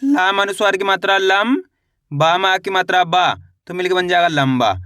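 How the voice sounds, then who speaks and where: A man teaching reading in a video lesson, drilling each sound with repeated questions and slow model words. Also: high-pitched, sharp tone, dry recording, studio quality. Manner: repetitive call-and-response drilling, drawn-out model words. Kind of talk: classroom-style video lesson.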